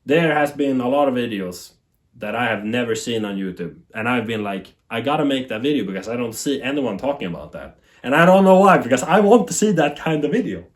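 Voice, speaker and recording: Fairly quick and medium in pitch, a Swedish-accented man rambles energetically to camera in his second language, English. He's a YouTuber covering TV tech who keeps laughing at himself.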